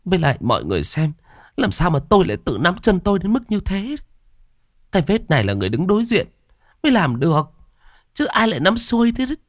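A man's voice: high voice, huge pitch swings, quick pace, no room sound, studio quality, pitched above the performer's own voice. A man voicing a terrified older village woman who stammers and insists on what she saw. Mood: insistent.

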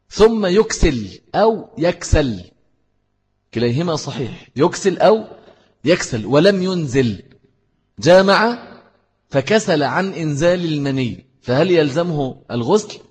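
A man with an Egyptian Arabic accent gives a religious lesson, his voice very breathy and airy. He explains step by step and repeats key phrases for emphasis. The sound carries a long reverb, as if recorded in a large hall. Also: fairly high pitch, expressive, moderate pace, darkish tone. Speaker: Islamic teacher. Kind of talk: religious lesson with answers to questions.

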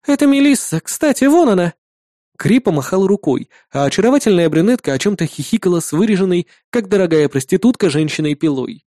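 A man reading an audiobook aloud in a lively, wry storytelling manner. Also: fairly high pitch, dry recording, clean studio sound. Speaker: narrator. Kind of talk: audiobook narration.

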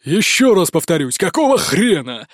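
A man voicing a gruff, bullying male dwarf gang leader in an audiobook, barking and sarcastic. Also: high-pitched, very animated, moderate pace, darkish tone, dry recording, clean studio sound. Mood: angry. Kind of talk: audiobook character voice.

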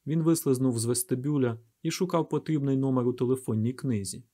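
Mellow male audiobook narrator. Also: mid-range voice. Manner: measured, expressive. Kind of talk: scripted literary narration.

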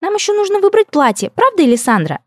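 A woman playing bubbly elf princess, high chirpy voice, insistent, storybook reading, dry close sound. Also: big pitch swings, fast talker, darkish tone, no echo.

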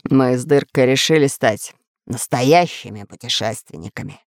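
A woman voicing a gruff, grumbling red-bearded pirate man in a lowered voice. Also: big pitch swings, measured pace, no room sound, studio quality, heavily acted. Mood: solemn.

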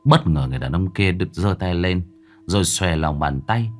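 A man narrating a horror story in a dramatic, suspenseful manner, slowing down for tense moments. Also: low voice, lively intonation. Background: soft background music.

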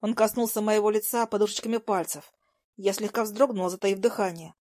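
A young woman narrating a first-person story in a soft, even voice at a middle pitch. The recording is dry and close, with no room sound. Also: brisk, dry recording.

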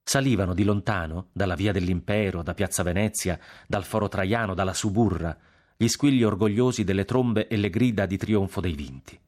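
A man reading a novel aloud on a radio program in a measured, grave, unhurried way. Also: deep voice, a little mellow. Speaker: audiobook reader on a radio program.

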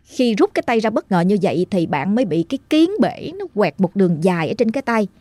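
A woman's voice: mid-range voice, big pitch swings, fast talker, warm tone, no echo. A woman telling a ghost story in a chatty, dramatic way, drawing out the tense moments. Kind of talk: casual storytelling.

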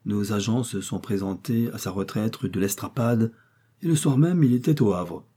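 A man's voice: on the low side, moderate pace, dark tone, slightly rough. A man voicing a vindictive revolutionary official who speaks in a dry, incisive, self-righteous way. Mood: smug.

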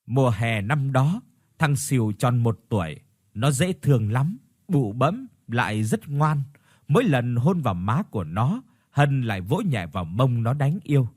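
Slow, expressive male ghost story narrator. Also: medium pitch, breathy edge, dry recording, clean studio sound.

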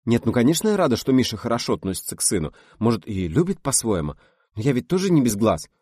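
A man voicing a bold, blunt, energetic young woman in an audiobook reading. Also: mid-range voice, fast, slightly rough, no room sound, clean studio sound, voice pushed up. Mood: brash. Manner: snappy, bold, mocking. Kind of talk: audiobook character voice.

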